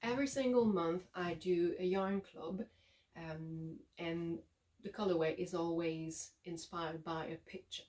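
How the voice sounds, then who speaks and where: A woman with a French Canadian accent, a yarn dyer giving a relaxed, chatty showcase of her shop's products with frequent ums and uhs. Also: on the low side, a little slow, faint music behind. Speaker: yarn dyer and shop owner.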